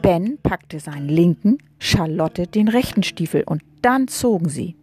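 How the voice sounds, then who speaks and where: A woman reading a children's book aloud, gently addressing young listeners. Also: fairly low pitch, expressive, measured pace, slightly rough, faint music behind.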